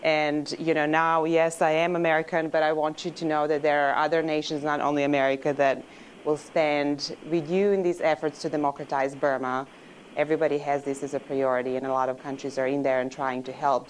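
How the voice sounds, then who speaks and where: A woman's voice: low-pitched, slight background noise, poor audio. A woman from Serbia moderating a panel discussion, thanking speakers graciously with a few fillers. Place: conference room.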